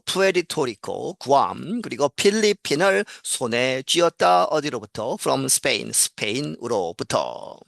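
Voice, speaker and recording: Male English teacher, unhurried lecture, gravelly tone, close dry mic. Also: mid-range voice, a bit bright, dry recording. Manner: reads English lines slowly, then explains in Korean with many fillers. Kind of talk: lecture translating an English news text.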